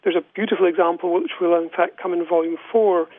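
A man, an academic editor, explaining in a radio interview in a measured way with frequent restarts and repeated words, heard over a tinny phone line. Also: high-pitched, fairly even intonation.

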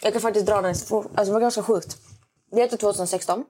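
A woman from Malmö, a guest friend on a podcast, chatting casually and telling stories with animated quoted voices. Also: medium pitch, slight background noise. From Sweden, Malmö. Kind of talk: casual chat.

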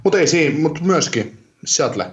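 A man's voice: on the high side, lively intonation. A man co-hosting a casual podcast chat, rambling and thinking aloud with lots of fillers. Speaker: podcast co-host. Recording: dull lo-fi sound.

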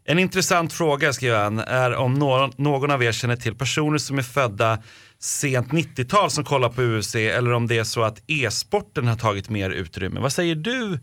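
A man's voice: medium pitch, animated, a bit bright, no echo, clean studio sound. A man co-hosting a podcast, chatting bluntly and reading out a listener question. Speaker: podcast co-host. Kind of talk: casual chat.

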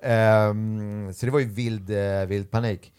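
A man's voice: fairly low pitch, fairly even intonation, a little mellow, clean tone. A young adult man, a stand-up comedian being interviewed, tells stories in a casual way and acts out the voices he quotes. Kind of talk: casual storytelling chat.

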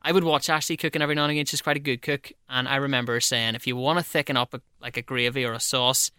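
A man's voice: medium pitch, fairly even intonation, rapid-fire, pushed and bright, clean tone, dry recording, clean studio sound. A man co-hosting a podcast, telling stories in a chatty way and laughing at himself. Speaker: podcast co-host. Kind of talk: casual chat.

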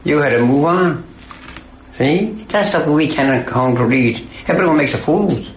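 A man's voice: a little high, expressive, moderate pace. An older man with an Irish accent, reminiscing informally for a documentary. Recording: echoey, with faint background noise.

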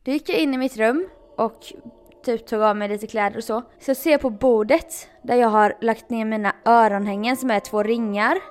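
Animated storytelling woman, higher voice. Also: smooth. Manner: animated storytelling, frequent laughs. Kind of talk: casual chat.

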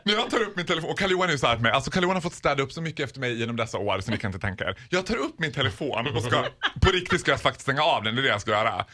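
Animated, laughing male storyteller. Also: mid-range voice, few pauses. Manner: animated, laughs often, acts out other people's voices. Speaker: radio show guest. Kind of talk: comic storytelling on morning radio.

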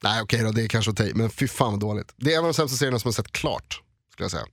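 A man's voice: on the low side, expressive, fairly bright tone, no echo, clean studio sound. A man co-hosting a podcast in casual chat, blunt and dismissive, laughing often. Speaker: podcast co-host.

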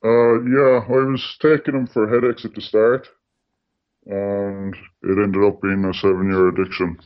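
An anonymous male guest on a radio interview speaks through a distortion filter that disguises his voice and makes it deep. He's flat and unhurried, plain and matter-of-fact, often saying "like" and "you know," and the sound is dull and lo-fi.

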